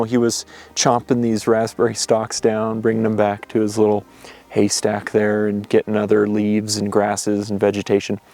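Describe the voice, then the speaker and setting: A man's voice: fairly low pitch, vocal fry, a little mellow, no echo. A young man hosting a casual outdoor wildlife vlog, talking in an enthusiastic, easygoing way with plenty of fillers. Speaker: wildlife photographer and channel host. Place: outdoors in mountain forest.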